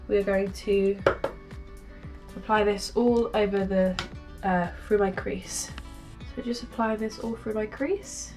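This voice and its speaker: A young woman with a blocked, nasal voice from a cold, chatting casually through a makeup tutorial with frequent ums. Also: a little high. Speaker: beauty vlogger.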